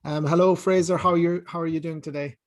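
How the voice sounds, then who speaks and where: A man's voice: fairly high pitch, steady tone, fast, no room sound, clean studio sound. A man hosting an author interview, asking friendly, polite questions. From Ireland. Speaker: interview host.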